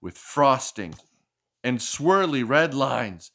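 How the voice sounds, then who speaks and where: This storytime host has a gravelly, medium-pitched voice that is a bit bright and very animated, and he takes his time. Reading a picture book expressively, he chats playfully with a child, asking questions and echoing back the answers.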